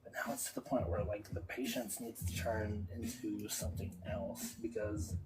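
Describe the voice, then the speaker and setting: A man's voice: fairly low pitch, steady tone, moderate pace, low-quality recording. A man livestreaming a casual, rambling, profane monologue, reflective and full of fillers like "like". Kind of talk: rambling live-stream monologue. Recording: loud music behind the voice.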